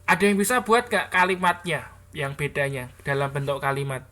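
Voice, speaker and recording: Woman, classroom teacher; bright tone, chatty, corrects students with frequent restarts. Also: sits low, animated, moderate pace. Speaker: English teacher.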